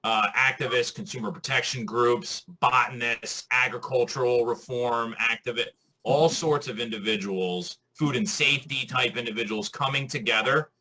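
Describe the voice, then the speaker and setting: A man co-hosting a podcast in casual chat, articulate and measured as he builds an argument. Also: medium pitch, sharp tone, low-quality recording. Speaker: podcast co-host.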